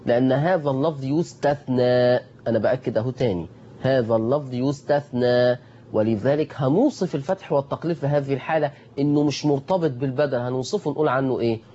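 A man's voice: medium pitch, quick pace, mellow, dull audio, a little hiss or hum. A man with an Egyptian Arabic accent teaching a Quran recitation lesson. He asks his students questions, answers them himself and repeats the key points. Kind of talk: tajweed lesson.

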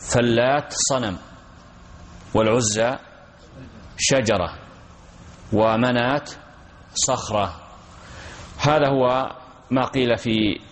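A man teaching in a measured, steady way, with a voice of ordinary middle pitch. He repeats his key phrases. He poses questions to the class and answers them himself. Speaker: teacher explaining a text. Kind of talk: classroom lesson on Quranic commentary.

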